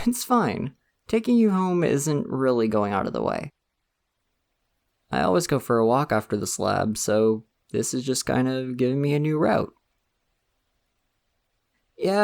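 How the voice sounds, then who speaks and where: Voicing a friendly, slightly shy college student for ASMR roleplay, a young man talks in a relaxed, chatty, soft-spoken way and laughs a lot. He has a medium, sing-song voice with vocal fry, a normal speed, and frequent pauses.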